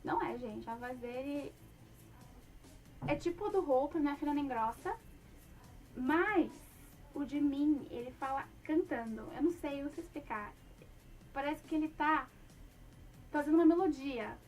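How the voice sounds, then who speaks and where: A young woman talks in a high voice as a fan, gushing and rambling from one point to the next. She fills her talk with many fillers. The mic sits a little away from her. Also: moderate pace, pauses often, darkish tone, distant mic, faint music behind. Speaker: fan talking about a band. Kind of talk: casual chat.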